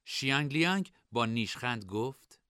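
A man narrating a novel as an audiobook, with expressive, varied storytelling. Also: mid-range voice, clear, resonant tone, dry recording, studio quality. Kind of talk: scripted narration.

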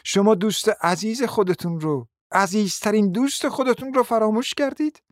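A man voicing a forgetful, fussy old prince in an audiobook, talking slowly and mumbling as he trails off. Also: high voice, no echo, clean studio sound, pitched above the performer's own voice, lightly acted. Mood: mumbling, muddled. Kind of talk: audiobook character voice.

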